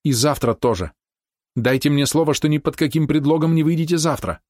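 A man reading an audiobook who voices a frightened young woman, pleading in an urgent, hushed manner. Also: on the high side, brisk, no room sound, studio quality, pitched above the performer's own voice, lightly acted. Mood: earnest imploring.

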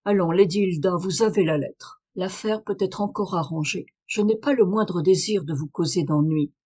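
A woman reader voicing a calm, authoritative male detective in a French audiobook, measured and firm. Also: on the low side, husky. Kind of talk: audiobook reading of a detective story.

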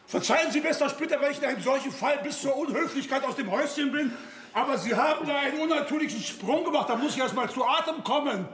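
A male actor playing an aging, grandiloquent former theatre director who bursts into shouting. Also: very high-pitched, quick pace, a little hiss or hum. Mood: flustered. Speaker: stage actor. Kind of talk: stage acting. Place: theatre stage. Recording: echoey theatre stage.

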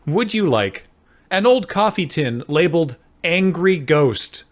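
A man's voice: fairly high pitch, lively intonation, takes it slowly. A man hosting, presenting absurd choices in a showy comedic style. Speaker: host. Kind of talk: comedic game-show presenting.

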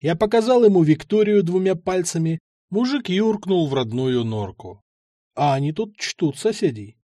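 A man narrating a first-person story in an expressive, ironic way. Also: high voice, normal speed, no room sound, clean studio sound. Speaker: audiobook narrator.

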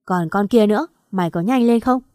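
A woman's voice: medium pitch, brisk, warm tone, dry recording, clean studio sound, lightly acted. A woman reading a pushy, impatient young man. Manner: snapping, bossy.

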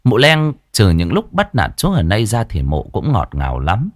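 A man narrating a scripted ghost story in a lively, expressive way. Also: on the low side, moderate pace, dry recording, studio quality.

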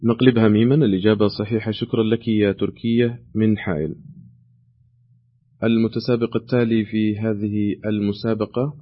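Fast-talking low-voiced quiz host man. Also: level tone, lo-fi sound. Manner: reads questions out, patiently repeats options. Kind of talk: call-in quiz hosting.

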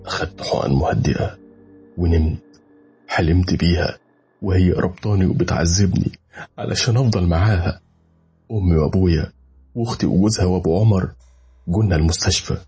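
A man's voice: low voice, a little fast, pauses often, warm tone, slightly rough, faint music behind. A man with an Egyptian Arabic accent telling a first-person horror story in a dramatic, intense way.

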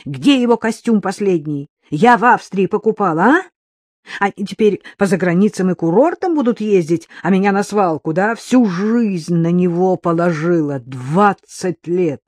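A woman's voice: on the low side, lively intonation, normal speed, a little mellow, no room sound. A woman voicing a drunk, self-pitying middle-aged mother who swings from lisping baby talk to bitter wailing, in an audiobook. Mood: bitter tirade.

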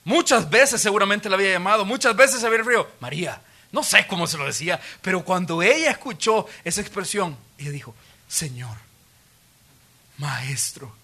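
A man, preaching a sermon as a pastor and retelling the story in an animated, vivid way. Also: high-pitched, quick pace, few pauses.

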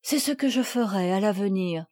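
A woman voicing a noble mother in a storybook reading, speaking gently but firmly. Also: medium pitch, moderate pace, pitched below the performer's own voice, close to an everyday voice. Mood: grave.

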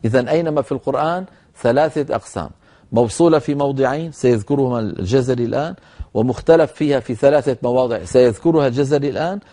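A man teaching Quran recitation rules in a broadcast lesson. He explains in a measured way, slowly models recited words, and addresses the listeners directly as brothers. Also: mid-range voice, warm tone.

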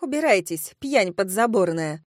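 A woman doing a spiteful shouting townswoman. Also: lively intonation, normal speed, no room sound, clean studio sound, natural voice. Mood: furious. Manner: shrill, scolding. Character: spiteful middle-aged woman shouting from a window.

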